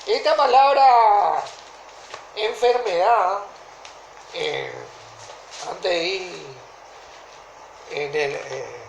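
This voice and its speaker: A woman with a Rioplatense Argentine accent preaching a sermon in a deliberate way, often stopping to ask whether listeners follow. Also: fairly low pitch, vocal fry, slight background noise. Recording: echoey room.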